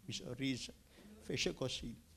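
An older man from Apulia, a minister giving his personal testimony in an emotional way, swinging from loud cries to hushed tones. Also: mid-range voice, slow, vocal fry, slightly rough. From Apulia, southern Italy.

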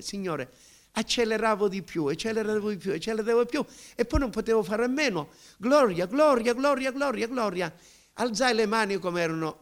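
Higher-voiced man giving halting testimony. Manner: halting, repeating words, emotional retelling. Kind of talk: personal conversion testimony.

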